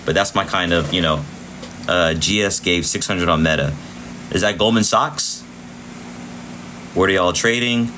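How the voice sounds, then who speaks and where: With a deep voice, a slightly slow pace and long pauses, a man runs a live trading stream against a noisy background. His chart talk is casual and rambling; he repeats things, calls out viewers to thank them, and sounds like his voice is wearing thin.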